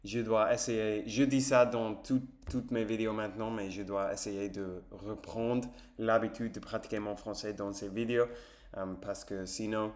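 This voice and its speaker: Speaking in a voice on the low side, a man with an English accent vlogs about learning French as a native English speaker. His talk is casual and hesitant, full of fillers and self-corrections as he hunts for the right words.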